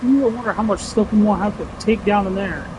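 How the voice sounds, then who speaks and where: A man's voice: sits high, fairly quick, noisy background. A man giving casual gameplay commentary as a gaming channel host, chatty, with joking asides.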